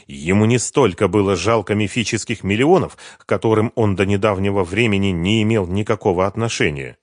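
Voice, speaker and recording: A man reading a novel aloud as narrator in an even storytelling manner. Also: on the low side, fairly quick, dry recording, clean studio sound. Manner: even storytelling, voicing all characters. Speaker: audiobook narrator. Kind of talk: scripted narration.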